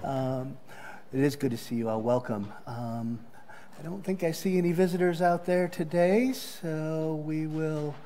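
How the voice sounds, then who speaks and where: A man's voice: on the high side, measured pace, warm tone. A man with a Southern accent welcoming a church congregation and giving announcements in a friendly way, with frequent ums. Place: church sanctuary.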